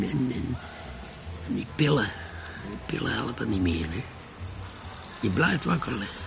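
A resentful old neighbour, played by an actor in a radio play, with a gravelly voice that swings widely in pitch. He speaks slowly, stumbling over repeated words. Faint music plays under him. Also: heavily acted, rough recording. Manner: halting, repeating words, outbursts of indignation. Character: bitter old man, sleepless, resentful of neighbours.

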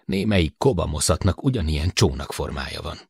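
A man reading an audiobook voices an impatient, excited spaceship crew member giving orders. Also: extremely low pitch, creaky, breathy edge, no echo, studio quality, full character voice. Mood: musing. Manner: commanding, eager exclamations.

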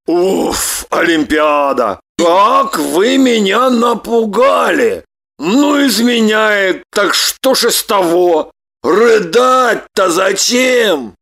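A woman reading an audiobook, voicing a hot-tempered man who shouts with slow, drawn-out emphasis. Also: medium pitch, lively intonation, creaky, full character voice. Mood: scornful. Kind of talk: audiobook character voice.

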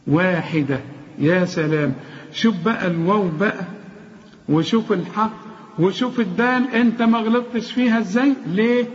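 A man with an Egyptian accent teaching Quran recitation rules. He asks quick rhetorical questions, then slowly chants example words. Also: sits high, in a large hall, muffled recording. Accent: Egyptian Arabic. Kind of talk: tajweed lesson.

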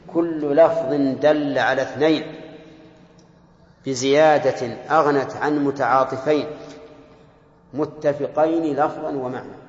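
Older male grammar teacher, patient classroom lesson, roomy dull recording. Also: medium pitch. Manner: patient, repeats key phrases and questions students. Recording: dull echoey lecture-hall recording.

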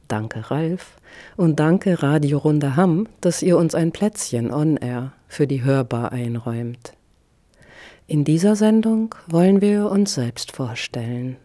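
A woman presenting a community radio show, reading her script in a calm, measured way. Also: sits low, no echo. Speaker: radio host.

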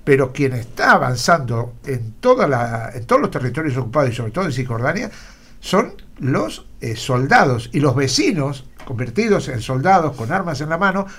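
A man's voice: medium pitch, a bit bright. Earnest man in radio news commentary. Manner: earnest, many filler "eh" pauses, emphatic bursts.

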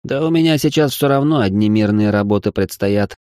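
A man voicing a loud, excitable male partner who scolds and bosses in an audiobook reading. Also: fairly low pitch, a little fast, no room sound, clean studio sound, lightly acted. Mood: bossy. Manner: shouting, exasperated scolding.

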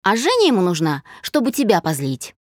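A cheerful girlfriend chirps down the phone, her voice lifted high and her manner casual and teasing, put on by a woman reading. She sounds upbeat and sure of herself. Dry and close. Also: wildly swooping pitch, brisk, dry recording. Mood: breezy. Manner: bright, offhand. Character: breezy, teasing young woman friend.

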